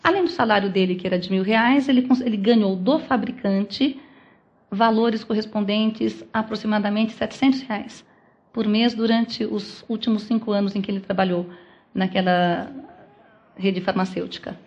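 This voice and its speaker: A woman's voice: medium pitch, fairly even intonation, moderate pace, darkish tone, dull audio. A Brazilian woman giving a law lecture, explaining step by step and posing rhetorical questions to the audience. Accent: Brazilian Portuguese. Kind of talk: academic lecture. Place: lecture hall.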